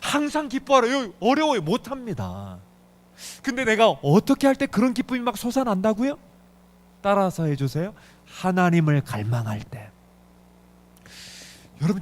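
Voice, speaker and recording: A middle-aged male pastor preaching a sermon in a church, emphatic and urgent, pushing key words hard. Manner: emphatic, swings pitch up and down for emphasis. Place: church sanctuary.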